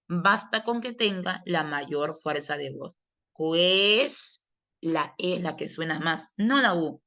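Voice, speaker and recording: A middle-aged woman, teaching a grammar lesson to students preparing for exams. Her voice sits a little low. She explains step by step and often answers her own questions in a student's voice. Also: bright, forceful tone. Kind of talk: online class lecture.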